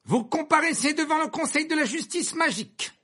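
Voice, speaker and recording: A man's voice: very high-pitched, lively intonation, brisk, pushed and bright, pitched above the performer's own voice, full character voice. A man voicing a stern older male judge who declaims his sentences with cold fury in an audiobook reading. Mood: thundering. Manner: thundering, declaiming. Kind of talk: audiobook character voice.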